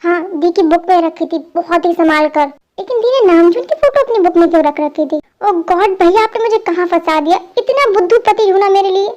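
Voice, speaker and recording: High-voiced dubber doing a bossy teasing young wife. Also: female voice, expressive, fairly quick, hardly any pauses, darkish tone, dull audio. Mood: insistent. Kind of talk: fan dub drama.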